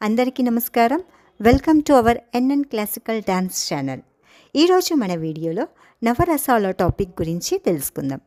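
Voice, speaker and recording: A woman giving a dance theory lesson, explaining each term slowly and chanting a verse in a measured way. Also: a little high, big pitch swings, a little mellow. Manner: slow, deliberate, stretching and chanting key terms. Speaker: dance teacher.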